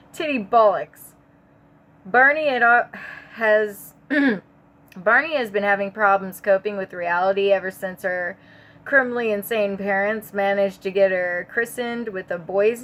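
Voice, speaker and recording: A woman's voice: medium pitch, fairly bright tone. Stumbling, sick woman reading a story aloud. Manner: rambling asides, stumbling over words, swearing. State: sick and stoned. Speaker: audiobook reader. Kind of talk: casual amateur audiobook narration.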